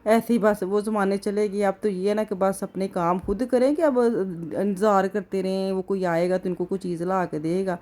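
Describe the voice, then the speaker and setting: A chatty middle-aged woman with a Punjabi accent talks through her vlog in a rambling, easygoing way. Her voice sits at an ordinary middle pitch for a woman. She drifts between topics the way people do in casual talk. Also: steady tone, normal speed, few pauses, a little mellow. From Pakistan. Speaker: vlogger.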